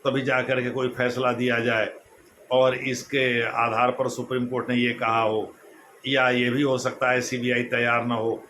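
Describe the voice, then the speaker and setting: A man's voice: mid-range voice, little pitch movement, fairly bright tone, a little hiss or hum. A man giving a classroom lecture as an exam coach, explaining each point again in other words. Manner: explanatory, repeats points in other words, slow emphatic quotes. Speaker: civil services exam coach.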